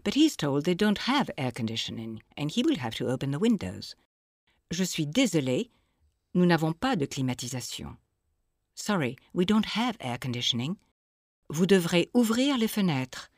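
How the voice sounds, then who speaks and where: A woman narrating a scripted audio language lesson, explaining phrases slowly and clearly for the listener to repeat. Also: low-pitched, very animated, dry recording, clean studio sound. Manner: slow, clear teaching delivery with pauses for repetition.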